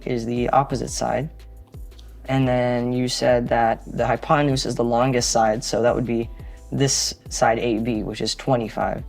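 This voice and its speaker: A student working through a math problem, hesitant and reasoning step by step out loud. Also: medium pitch, creaky. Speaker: student in a tutoring demo.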